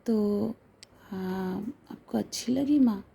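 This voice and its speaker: Kind storybook father asking his son questions, voiced by a woman, husky and slow. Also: medium pitch, full character voice. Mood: questioning. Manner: gently questioning. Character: gentle questioning father of two.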